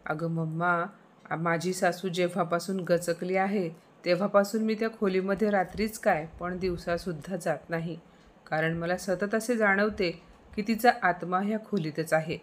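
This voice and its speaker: A nervous young married woman, as a woman narrator plays her in a storybook tale. She sounds worried and pleading, her lowish voice lifted a little above the narration. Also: steady tone, moderate pace, lightly acted. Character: anxious young married daughter.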